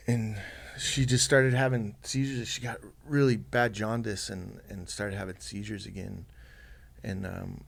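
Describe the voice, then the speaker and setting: A man, a podcast guest telling a personal story softly and haltingly, with many fillers and restarts. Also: on the low side, gravelly.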